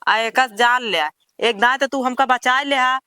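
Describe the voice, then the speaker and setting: A woman's voice: high-pitched, measured pace, pushed and bright, no echo, clean studio sound. Woman playing a plaintive, distraught village girl. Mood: pleading, threatening. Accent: Awadhi. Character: distraught young village woman thrown out of home. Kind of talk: amateur village comedy skit dialogue.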